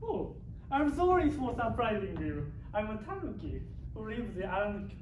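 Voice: mid-range voice, sing-song, a little slow, a little mellow. Someone acting an apologetic tanuki, echoey room. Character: apologetic runaway tanuki pleading for shelter. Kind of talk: amateur stage play acting. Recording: echoey noisy classroom, distant microphone.

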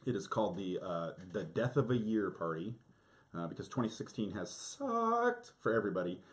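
A man co-hosting a casual podcast chat, joking and quick with asides. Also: fairly low pitch, sing-song. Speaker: podcast co-host.

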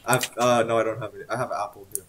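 A man's voice: fairly low pitch, level tone, very fast, a loud crowd. A young man hosting a casual game let's play with friends, chatty and laid-back. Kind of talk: casual gaming commentary. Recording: noisy mic with keyboard clicks.

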